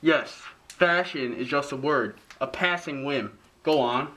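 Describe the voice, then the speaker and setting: A man's voice: medium pitch, takes it slowly, fairly bright tone, rough recording. A man playing a pompous, overbearing father who lectures and scolds in a parody drama. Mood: dismissive, stern. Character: pompous, preachy, overbearing father of grown children. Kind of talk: parody drama acting, modern-English Shakespeare.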